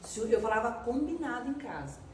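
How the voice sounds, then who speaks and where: High-voiced woman pastor, echoey hall. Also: quick pace, background noise. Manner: lively, mimics others' voices, frank. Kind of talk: casual church talk with anecdotes. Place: church hall with audience. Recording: roomy hall, far mic, audience audible.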